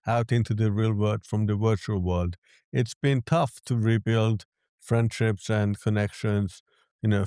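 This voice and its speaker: Guy being interviewed, smooth clear voice, dry sound, calm explaining. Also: fairly low pitch, dry recording. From Hungary. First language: Hungarian. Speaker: app developer, guest. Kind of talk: interview answers.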